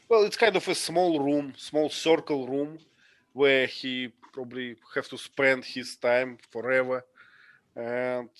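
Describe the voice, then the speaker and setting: A man leading a casual class discussion on a video call, often pausing and searching for words. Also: mid-range voice, fairly bright tone, no echo. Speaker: discussion leader.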